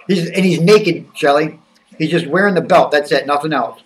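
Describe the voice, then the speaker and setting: A man's voice: on the high side, moderate pace, far from the mic. A man hosting a live stream in a loose, joking, chatty way. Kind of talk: casual live-stream chat.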